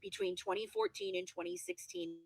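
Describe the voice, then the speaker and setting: A woman guest in a video-call interview, speaking emphatically, repeating words for stress and correcting herself quickly. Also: very high voice, big pitch swings, vocal fry, no room sound, low-quality recording. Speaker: guest true-crime commentator.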